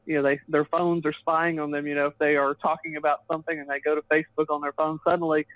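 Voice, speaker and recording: Soft music plays behind a low-voiced Texan woman, a business coach and guest author, as she rattles through interview answers over a remote call. Her delivery is flat and fast yet chatty and fluent, with frequent laughter, on a dry, low-quality recording.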